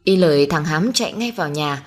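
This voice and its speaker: A woman's voice: low voice, animated, fairly quick, a little mellow. Woman narrating a dramatic story.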